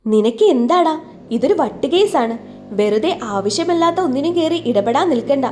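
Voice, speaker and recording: Casting: a woman doing a brusque young guy, impatient and dismissive, dark tone. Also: sits high, animated, moderate pace, a little hiss or hum. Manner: blunt, dismissive. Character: blunt impatient young man.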